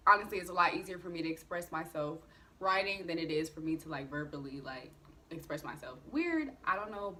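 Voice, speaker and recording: A young woman in her twenties talks candidly to her camera, swearing casually and laughing now and then. Her voice sits on the low side but sounds bright and forward, and a faint hum runs behind her. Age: 20s. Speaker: vlogger. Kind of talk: casual Q&A vlog.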